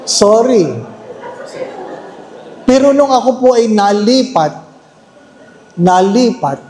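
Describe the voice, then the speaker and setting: A man's voice: high-pitched, takes it slowly, darkish tone, roomy sound, slight background noise. A man, a priest, giving a humorous homily to his congregation and telling stories with jokes. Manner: joking anecdotal storytelling to a congregation. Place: church.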